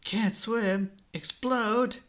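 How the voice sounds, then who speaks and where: A man voicing a young boy, excitable, loud, strained, high-pitched, fan-made audio story. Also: slow pace. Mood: panicked.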